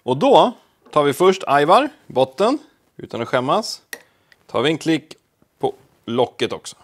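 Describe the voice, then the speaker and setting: A man with a slightly high voice talks through a recipe in his home kitchen. He is chatty and casual, with offhand, self-deprecating asides as he cooks. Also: sing-song, breathy edge. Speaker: home cooking video host. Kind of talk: casual cooking demonstration.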